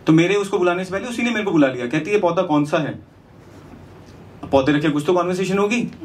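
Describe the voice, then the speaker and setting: A man with a high, animated voice talks fast as he performs lyrical stand-up, switching between rhymed verse and conversational asides. He's a comedian doing rhymed storytelling on the stage of a small indoor comedy venue. He uses a handheld mic, and the live stage recording sounds distant and noisy.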